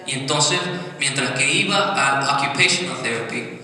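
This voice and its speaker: A man's voice: mid-range voice, normal speed, a crowd in the background. A man preaching a sermon, giving an earnest personal testimony and speaking directly to the congregation. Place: large church hall. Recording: echoey church hall, distant mic.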